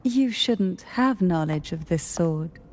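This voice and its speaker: An actress voicing a composed, cool noblewoman in video game dialogue, measured and poised. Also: on the low side, animated, darkish tone.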